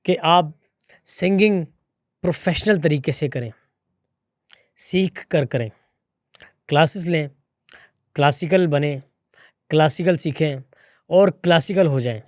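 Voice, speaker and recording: A young man playing an overconfident failed singer as a comedy guest, speaking slowly and self-importantly with halting pauses. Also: fairly high pitch, darkish tone, dry recording, clean studio sound, lightly acted. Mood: smug. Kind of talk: comedy interview sketch.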